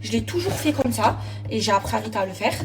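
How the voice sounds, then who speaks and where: A woman's voice: fairly high pitch, lively intonation, quick pace, slight background noise. A woman chatting casually and emphatically to her followers while doing housework at home. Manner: chatty, emphatic, slangy, addresses viewers as girls. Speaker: lifestyle vlogger. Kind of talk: casual daily vlog chat to followers. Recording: distant mic with household cleaning clatter.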